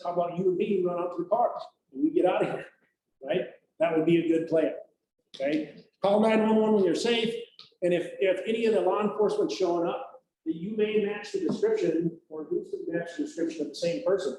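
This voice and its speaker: The speaker is a middle-aged man working as a police trainer, his voice on the high side with a dark tone. He leads a friendly, conversational safety training for a group in a large workplace room, regularly asking "right?", and the recording is quite echoey with faint noise.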